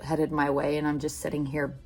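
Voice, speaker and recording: A woman's voice: low voice, monotone, brisk, darkish tone. Gushing American woman vlogger, music behind. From Oklahoma, United States. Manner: gushing, emphatic repetition of words. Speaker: beauty vlogger. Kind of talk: casual makeup tutorial chat.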